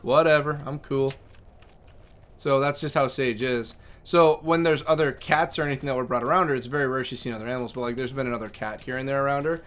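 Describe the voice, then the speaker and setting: A man's voice: medium pitch, fast talker, hardly any pauses, fairly bright tone. A man streaming a game, chatting casually and telling stories about his pets between game moves. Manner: chatty, storytelling, reads chat aloud. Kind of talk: casual livestream chat.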